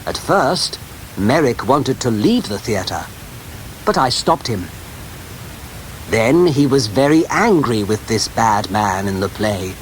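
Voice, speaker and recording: Guy reading an audiobook real slow and careful, voice goes up and down a lot, old worn cassette copy, bit of hiss. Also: mid-range voice, very animated, poor audio. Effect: worn cassette tape copy with faint hiss. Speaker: audiobook narrator. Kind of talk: scripted audiobook narration.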